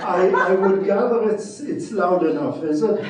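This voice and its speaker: Before a loud crowd in a big, echoey hall, a West of Irish man in his seventies, a retired mission priest, speaks as a guest. He shares anecdotes informally, wry and self-deprecating like a preacher, in a high-pitched, unhurried voice caught by a distant microphone.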